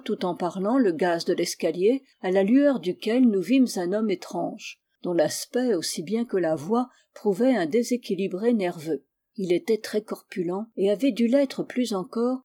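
A woman reading a story aloud as narrator, in a steady, even storytelling manner. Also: mid-range voice. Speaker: audiobook reader. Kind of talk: scripted narration.

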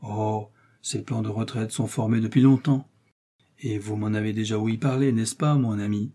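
Man playing a courteous young musketeer, lightly raised voice, mellow, husky. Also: on the low side, steady tone, moderate pace. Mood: polite. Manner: polite, smooth and modest-sounding. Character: young, vain, devout male musketeer turned cleric.

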